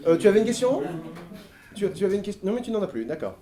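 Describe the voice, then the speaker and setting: A man's voice: high-pitched, big pitch swings, quick pace, mellow, slight background noise. A man hosting a riddle game on stage, laughing often and hesitating while he answers questions. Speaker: game host. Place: convention stage before an audience. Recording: live crowd in a hall.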